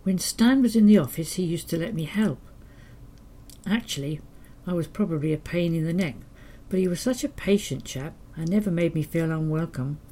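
An elderly woman reads from her memoir in a low, mellow voice. Her telling is gentle and quietly wry. She keeps an even storyteller's pace. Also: normal speed. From England. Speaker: memoir narrator. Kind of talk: reading a childhood memoir.

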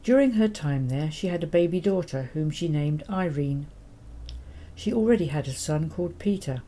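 An elderly woman reads from her memoir in a low, mellow voice. Her telling is gentle and quietly wry. She keeps an even storyteller's pace. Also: moderate pace, a little hiss or hum. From England. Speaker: memoir narrator. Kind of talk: reading a childhood memoir.

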